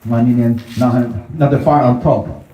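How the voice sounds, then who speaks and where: A real estate auctioneer with a warm, mid-range voice calls out bids at normal speed and in a steady tone, using short repeated phrases and a showman's flair. He works a live property auction before gathered buyers, and the recording, made from a distance, echoes.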